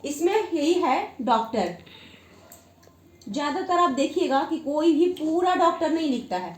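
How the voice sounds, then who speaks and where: A woman teacher explaining a grammar lesson, slowly and with many repetitions. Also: sits high, sing-song, echoey room.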